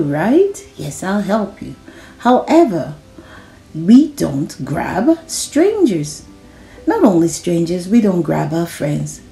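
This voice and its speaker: A woman whose voice sits on the low side hosts a read-aloud for young listeners. She speaks to them directly in an animated, encouraging way, dropping in little questions to check in.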